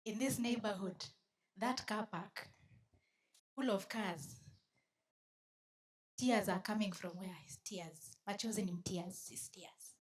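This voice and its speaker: A Kenyan woman tells a story on stage at a conference in an average voice, neither high nor low. She switches between English and Swahili and teases her listeners as she goes. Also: takes it slowly, long pauses. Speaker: conference speaker. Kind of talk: storytelling talk to a live audience. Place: conference venue.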